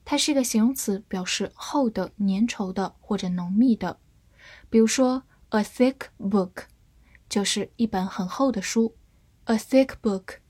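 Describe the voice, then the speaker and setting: A woman teaching English vocabulary in a scripted lesson, explaining each word and reading example sentences slowly and clearly. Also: mid-range voice, darkish tone, no echo.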